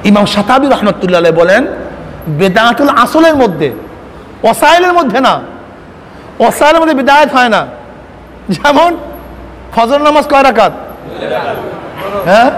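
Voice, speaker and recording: Preacher, male, very high-pitched and scolding, recorded in an echoey hall. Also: very animated, moderate pace, long pauses, slight background noise. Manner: forceful, scolding, acts out quoted voices and mocks opponents. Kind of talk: sermon.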